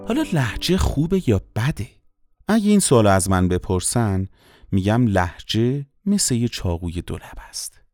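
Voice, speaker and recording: A man teaching a lesson on dialects and accents to voice actors, explaining in a lively, teacherly way and asking rhetorical questions. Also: on the low side, dry recording, faint music behind. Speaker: voice-acting teacher.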